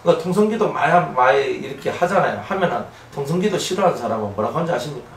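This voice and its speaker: A man with a Gyeongsang accent preaching a sermon as pastor, animated, acting out quoted voices and asking the congregation for agreement. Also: a little high, rapid-fire. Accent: Gyeongsang Korean. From Gyeongsang region, Korea. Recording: echoey room, somewhat distant mic, faint noise.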